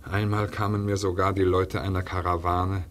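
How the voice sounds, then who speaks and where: A man reading a first-person literary monologue aloud in a measured, solemn and dramatic way, sometimes dropping to a hush. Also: low-pitched, little pitch movement.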